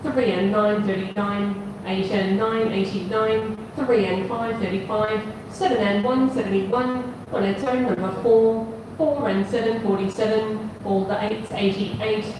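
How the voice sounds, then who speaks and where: Woman bingo caller reading out numbers steady n repetitive, big echoey hall, clear noise behind. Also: mid-range voice. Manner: measured, repetitive announcer delivery of numbers. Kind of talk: bingo calling, numbers read digit by digit. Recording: echoey hall PA, distant, noisy room.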